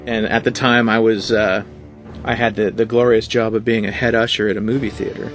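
Rambling low-voiced storyteller guy. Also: fairly quick, soft background music. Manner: rambling, animated storyteller with many fillers. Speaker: guest, art director. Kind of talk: casual interview.

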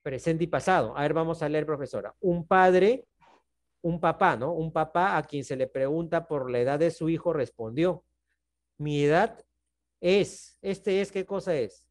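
A man's voice: fairly high pitch, measured pace. Patient man teaching math on a call. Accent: Peruvian Spanish. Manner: patient, checks in often with "¿no?" and "¿está bien?". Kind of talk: online class explanation.

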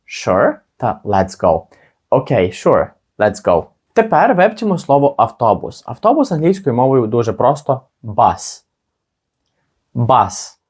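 Male teacher, animated delivery, slow model phrases. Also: mid-range voice, breathy edge. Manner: slow, drawn-out model phrases between quick explanations. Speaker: English teacher. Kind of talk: language lesson.

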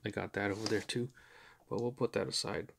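A man talking casually and hesitantly about his collection, in a flat, monotone way with many pauses and fillers. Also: creaky, background noise. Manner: low-key, hesitant, many ums. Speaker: YouTube card collector. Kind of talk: casual chat.

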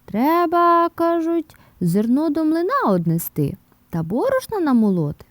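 A woman doing squeaky lazy little mice. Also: sing-song, normal speed, no room sound. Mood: carefree, whiny. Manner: squeaky, childish.

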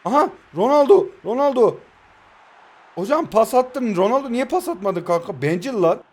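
A man in his twenties from Turkey giving excitable live commentary over his own mobile football match, shouting player names and swearing playfully at the game. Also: very high voice, normal speed. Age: 20s. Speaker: mobile football gaming YouTuber.

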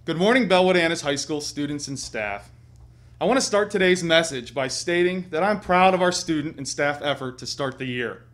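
Higher-pitched middle-aged man, formal school address. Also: normal speed, a bit bright. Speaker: school administrator. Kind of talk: formal prepared announcement to students. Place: small school TV studio, seated at a desk.

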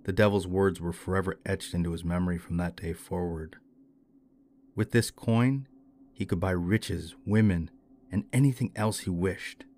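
A man narrating a folktale in a measured, steady reading. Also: deep voice. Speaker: storyteller. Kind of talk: scripted folklore narration.

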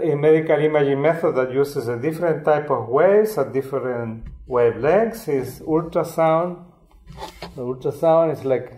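A man's voice: on the high side, a little mellow. Older man lecturing in a roomy hall. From Chile. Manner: unhurried, explanatory, frequent restarts. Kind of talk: public lecture.

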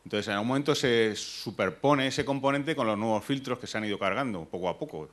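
A man's voice: medium pitch, a little fast, fairly bright tone. A man with a Spanish accent asking the speaker a question from the audience and explaining his use case. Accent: Spain Spanish.

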